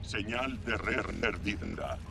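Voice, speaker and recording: A man voicing a glitching male computer system in a video game, giving flat, clipped warnings that cut off mid-word. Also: lowish voice, slow pace, gravelly, noisy background. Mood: alarmed. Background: game music.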